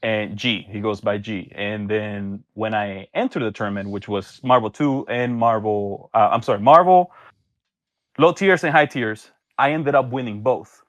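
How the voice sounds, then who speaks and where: Heard on dull-sounding audio, a man with a fairly low voice speaks at a moderate pace. He's a Venezuelan-born tournament organizer now in Miami, guesting on a podcast where he tells slangy, casual stories and acts out dialogue.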